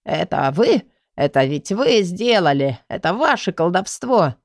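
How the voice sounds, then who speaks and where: A woman voicing a panicked, stubborn grey-haired male investigator who shouts and mutters frantically. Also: sits high, very animated, unhurried, vocal fry, no room sound, clean studio sound, exaggerated voice. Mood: accusing.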